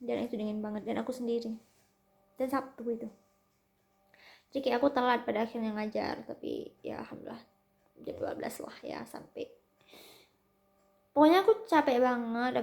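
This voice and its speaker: A woman's voice: on the high side, gravelly, a little mellow. A young woman in her twenties telling a story in a casual vlog, chatty and slipping in English and German words. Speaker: vlogger.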